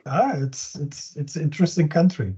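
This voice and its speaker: German man hosting, husky mellow voice. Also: a little high, moderate pace. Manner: friendly and affirming, with restarts in English. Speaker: interview host, business coach. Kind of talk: interview hosting. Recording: dull lo-fi sound.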